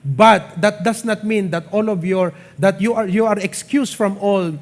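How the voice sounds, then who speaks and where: A Filipino man preaches in a high, bright voice. He talks animatedly, checking with the congregation again and again. His speech slides easily between English and his local words. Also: measured pace. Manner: animated, asks the crowd "di ba?" often; mixes English and local speech, light laughs. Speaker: pastor. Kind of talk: sermon. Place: church service.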